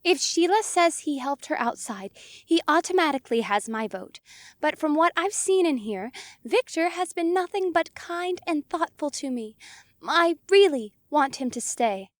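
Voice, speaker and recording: A woman voicing a bubbly, kind young alien woman in an audiobook, gushing and excited. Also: high-pitched, normal speed, no room sound, studio quality. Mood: earnest. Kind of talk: audiobook character voice.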